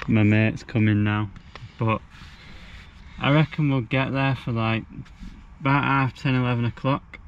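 A man's voice: mid-range voice, measured pace, long pauses, a little hiss or hum. Laid-back young man vlogging from a car. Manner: relaxed, laid-back British slang. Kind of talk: casual travel vlog chat. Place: inside a car. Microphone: camera on dashboard. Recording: dull lo-fi sound with loud music.

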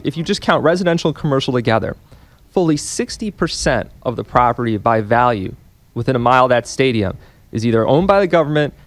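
Young male radio guest, mid-pitched, eager explainer, dry close mic. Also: no echo. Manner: earnest, explains at length with frequent restarts. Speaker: policy analyst guest. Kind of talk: radio interview. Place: radio studio. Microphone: studio microphone on a boom arm.

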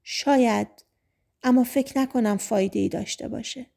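A woman voicing a caring, shy teenage boy who speaks softly and reassuringly in an audiobook. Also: a little high, gravelly.

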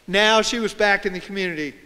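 A man speaks from a stage as a reporter, acting out scenes and quotes as he tells them. His voice is high and clear, with a smooth, resonant tone. A long reverb from the large lecture hall follows his words. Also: fast talker, bright, forceful tone. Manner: dramatic, acts out scenes and quotes. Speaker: reporter giving a public talk. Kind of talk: storytelling lecture.

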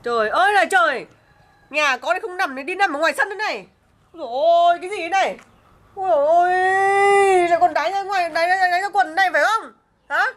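Comic skit: actress plays a shrill nagging wife, very high-pitched, talks fast. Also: female voice, expressive, fairly bright tone. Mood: scolding. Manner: shrill, nagging, scolding exclamations. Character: exasperated scolding wife. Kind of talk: amateur comedy skit acting.

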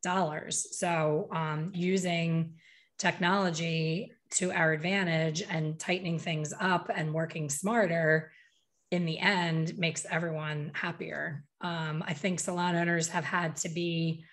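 A woman's voice: on the low side, fairly even intonation, slow pace. A woman in her fifties, a hair color educator talking animatedly on a video call, gesturing with her hands and acting out what people say. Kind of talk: casual video call interview. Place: small bright room at home. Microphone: desk microphone on video call.

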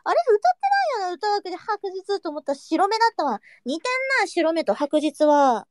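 A young woman streaming, chatting casually with her viewers and reading their comments, playful and quick to joke, sometimes dropping into a whisper. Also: extremely high pitch, sing-song, no room sound, clean studio sound. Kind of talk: casual livestream chat.

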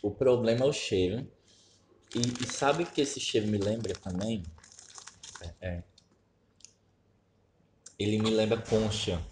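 A man hosting a relaxed, joking snack-tasting chat while chewing. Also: on the low side, unhurried, long pauses. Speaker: host. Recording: noisy background.

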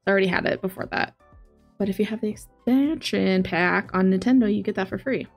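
Speaking at a medium pitch and a fairly quick pace, this late-twenties woman hosts a gaming stream indoors at home, with faint music playing behind her. She talks to her audience and reads the chat aloud into a big desk mic placed up close, a headset on her head.

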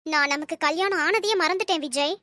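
A woman voicing a cold, defiant young wife in an animated cartoon, speaking in sharp, cutting retorts. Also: extremely high pitch, brisk, dry recording. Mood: angry, scornful.

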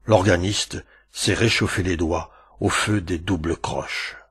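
A man narrating a classic tale aloud with a dramatic, storytelling delivery and many pauses. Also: low voice, fairly even intonation, fairly bright tone, breathy edge.

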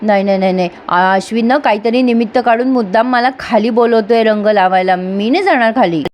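A woman's voice: fairly high pitch, brisk, darkish tone, close to an everyday voice. A woman voicing a stubborn, lovesick young husband in a recapped TV serial, musing hesitantly to himself. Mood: brooding. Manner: hesitant inner monologue.

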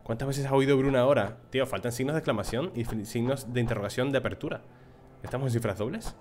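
A man's voice: mid-range voice, fast, a little mellow. A man from streaming a video game, chatting casually with his viewers and reading the game's text aloud. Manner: casual, chatty, talks to chat and reads dialogue. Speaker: gaming streamer.

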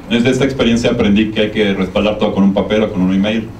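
A young adult man with a Mexican accent, a media production worker appearing as guest speaker, gives an informal conference talk in a university lecture room. His lowish, slightly mellow voice races along with fairly even intonation, colloquial, hesitant, and meandering. The recording is echoey and distant, with background noise.

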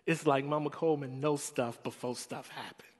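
Male preacher from Chicago, animated confessional storytelling, slightly high voice, long hall reverb. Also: normal speed, husky. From Chicago, United States. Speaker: chapel speaker. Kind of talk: storytelling sermon.

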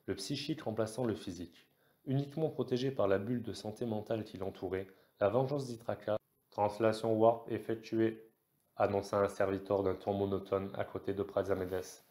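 A man narrating a science-fiction novel in a steady, measured audiobook reading. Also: on the low side.

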